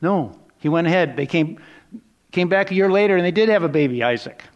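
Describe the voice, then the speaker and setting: A man preaching a sermon in a conversational, reflective way, dropping softer for quoted words. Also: sits high, expressive, fairly quick, highs cut off.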